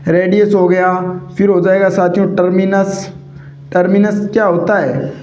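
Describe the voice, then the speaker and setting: In an echoey room with dull, lo-fi sound, a male teacher with a high, slightly mellow voice gives a grammar lesson. He keeps asking questions and repeating the answers.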